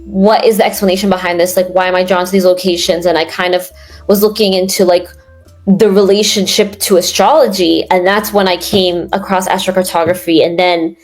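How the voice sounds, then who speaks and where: A woman's voice: lowish voice, little pitch movement, fairly quick, soft background music. A young woman from New York in a casual interview, talking in a rambling way with lots of fillers and restarts. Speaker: guest.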